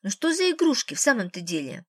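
A woman's voice: fairly high pitch, sing-song, quick pace, no room sound, studio quality. A woman voicing a grown man, a doctor, who is wry and a little defensive, in an audiobook. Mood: upset.

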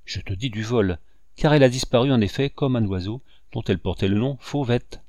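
A man voicing a gentle, grieving father in a storybook reading, earnest and tender as he lectures his nephew. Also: medium pitch, brisk, no echo, close to an everyday voice.

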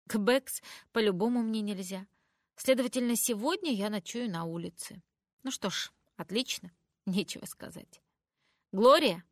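A woman's voice: medium pitch, no room sound, studio quality. A woman reading a first-person teen story aloud, raising her voice for the emotional dialogue.

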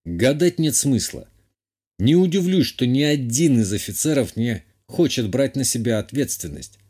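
A man reading a first-person fantasy audiobook in a measured, even way. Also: mid-range voice, husky. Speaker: audiobook narrator. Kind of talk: scripted first-person narration.

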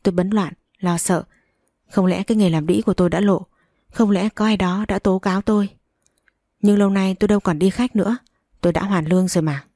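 A woman reading a first-person love story aloud in a slow, measured way. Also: mid-range voice, steady tone, warm tone, dry recording, studio quality. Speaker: narrator.

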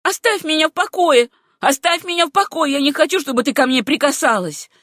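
Woman reading as an edgy jealous young woman, curt and snapping, lively pitch, dry sound. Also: moderate pace, dry recording. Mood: angry. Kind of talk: audiobook reading.

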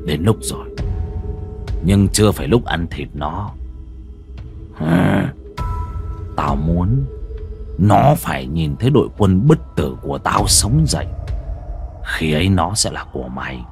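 A man voicing a cruel scheming male villain who talks in a low, menacing, gloating way, in a horror audio story. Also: expressive, a little slow, creaky, pauses often, a little mellow, soft background music, exaggerated voice.

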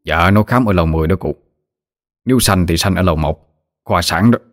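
A man's voice: sits low, a little fast, no echo, studio quality. Man voicing a patient, good-humored nephew. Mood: patient, amused.

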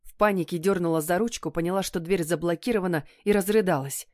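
A woman narrating a first-person audiobook in an emotional, expressive way. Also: lowish voice, quick pace, dry recording, clean studio sound.

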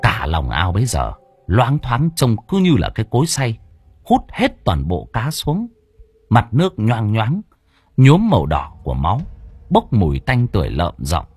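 Husky, animated male story narrator. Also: on the low side, unhurried, dry recording, soft background music. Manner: lively, dramatic storytelling. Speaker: audiobook narrator.

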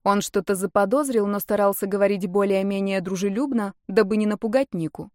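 A woman narrating a novel in a steady, even reading voice, close to the mic. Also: medium pitch, fairly quick, no echo. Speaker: audiobook narrator. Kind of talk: scripted narration.

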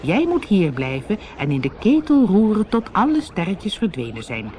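A woman's voice: medium pitch, very animated, mellow, lightly acted. Woman doing a stern fussy mother witch. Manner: stern, hurried.

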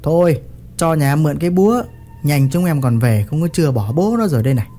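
A man voicing an eager, pushy middle-aged village wife who wheedles and cuts in quickly. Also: on the high side, expressive, a little mellow. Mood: wheedling.

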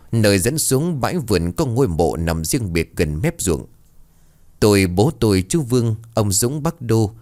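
A man narrating a horror story with dramatic, expressive storytelling. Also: lowish voice.

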